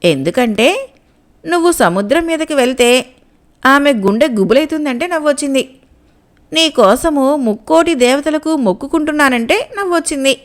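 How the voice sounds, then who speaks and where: A knowing young sea maiden from a storybook, as a woman reading the tale puts her on. The voice is high and sits up in the head, calm and unhurried as she states hard truths without fuss. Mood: knowing, scornful.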